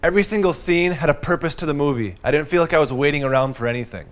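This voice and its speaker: A man's voice: fairly high pitch, rapid-fire. Dry mocking man in a comedy debate. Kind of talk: scripted comedic argument.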